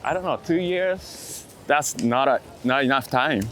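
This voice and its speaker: In a casual interview about his street photography, this man speaks in a mid-range voice, a little slowly, with background noise behind him. He's not from the US, and his reflective answers come out in brief, halting pieces with non-native phrasing.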